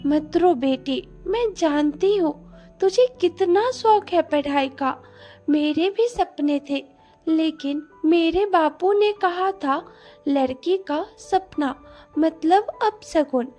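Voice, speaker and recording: A woman voicing a gentle, sorrowful village mother who speaks softly to console her daughter. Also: very high-pitched, slow pace, soft background music. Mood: tender. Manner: soft-spoken, consoling.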